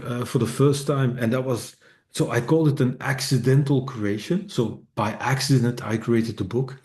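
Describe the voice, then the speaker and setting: This middle-aged man, an author and speaker who grew up speaking Dutch, delivers a relaxed English talk for an online meetup. He hesitates often, restarts sentences, leans on fillers, and mocks himself drily, all in a mellow voice of medium pitch.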